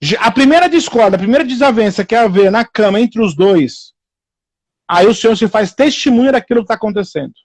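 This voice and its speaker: Male preacher, high-pitched, dry close mic, animated and repetitive. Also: fairly quick, no room sound. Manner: repetitive, animated, acts out quoted people in raised voices. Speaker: evangelical preacher hosting a live stream. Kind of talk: informal preaching on a live stream.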